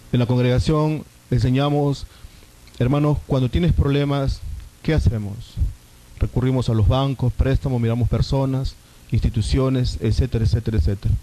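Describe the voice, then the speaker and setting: Mellow-voiced man preaching a sermon. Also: mid-range voice, poor audio. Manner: addresses listeners as brothers often; tells a personal testimony. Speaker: pastor.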